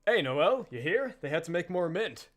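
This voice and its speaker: A young man streaming a game, chatting casually with lively tangents and frequent laughter. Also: a little high, normal speed. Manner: animated, laughs often, chatty asides. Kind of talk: casual let's-play commentary.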